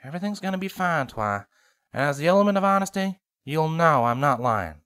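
A woman's voice: deep voice, big pitch swings, fairly quick, fairly bright tone, voice pushed up. Woman doing folksy farm pony Applejack. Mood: reassuring. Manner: folksy, plainspoken. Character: honest down-to-earth farm mare pony.

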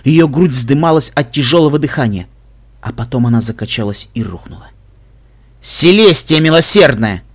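A man narrating an audiobook in an even, measured reading voice. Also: mid-range voice, husky. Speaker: audiobook reader. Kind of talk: scripted narration.

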